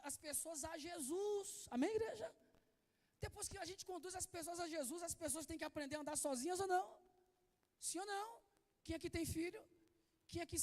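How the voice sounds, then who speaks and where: High, fast-talking animated male preacher. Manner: animated, questions congregation constantly. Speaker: pastor. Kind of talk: sermon.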